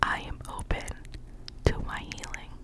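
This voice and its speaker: This is a whispered pep talk from an ASMR host, who encourages the listener softly with positive affirmations and slowly repeats many phrases.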